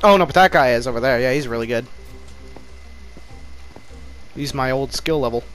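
A man's voice: medium pitch, moderate pace, a bit bright, soft background music. Guy rambling over his gameplay, jittery and wired on caffeine, pokes fun at himself, normal mid voice. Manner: rambling, self-mocking talk. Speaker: gaming YouTuber. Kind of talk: casual gameplay commentary.

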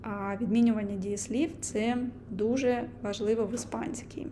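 A young woman teaching a language lesson, explaining grammar slowly and carefully, with frequent hesitations. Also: a little high, fairly even intonation, warm tone, a little hiss or hum.

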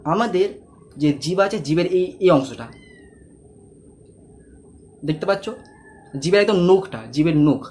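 A man's voice: sits high, expressive, unhurried, pauses often, a little mellow, slight background noise. Patient man drilling Arabic letter sounds. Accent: Bengali. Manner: patient, repeats sounds many times for students; addresses learners directly, asks check questions. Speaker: Quran reading teacher. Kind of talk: step-by-step pronunciation lesson.

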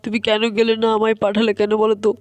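A voice doing a high, whiny sulking man. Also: monotone, racing, darkish tone, no room sound, lightly acted. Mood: sulky. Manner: complaining, whiny. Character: sulky grown man, scolded and sorry for himself. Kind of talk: doll-play storytelling.

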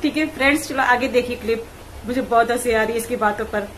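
A woman vlogger giving mocking, scolding commentary on clips in rapid rants. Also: on the high side, fairly bright tone, a little hiss or hum, low-quality recording.

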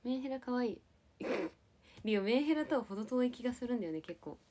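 Lively young woman chatting on stream. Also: fairly high pitch, a little fast. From Japan. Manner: playful, giggly, answers viewer comments. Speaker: live streamer. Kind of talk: casual livestream chat reading comments.

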